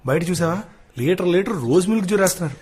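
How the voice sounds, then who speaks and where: An actor playing a rapid, mocking sidekick in a comedy film scene. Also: male voice, high-pitched, lively intonation, darkish tone.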